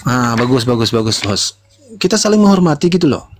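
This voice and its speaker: A man's voice: medium pitch, very animated, slight background noise. A man, a pastor in a heated religious debate, answering with mocking retorts and talking over his opponent. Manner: mocking, talks over the other, rapid retorts.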